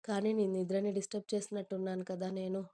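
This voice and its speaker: A doting young boyfriend in a storybook reading, teasing and coaxing by turns, as a woman reads him out. The voice is warm and mellow. It keeps a level, even tone. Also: medium pitch, fast, close to an everyday voice. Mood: tender.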